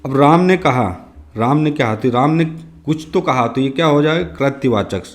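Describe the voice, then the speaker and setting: A man teaching a grammar lesson for exam preparation. He sounds slightly hoarse and clears his throat now and then. He asks each question aloud and then answers it himself. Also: medium pitch, lively intonation, normal speed.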